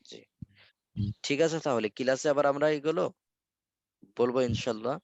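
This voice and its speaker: A man's voice: mid-range voice, moderate pace, gravelly, no room sound. Patient man drilling words, dull call audio. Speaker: Arabic teacher. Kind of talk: online class teaching. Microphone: video call.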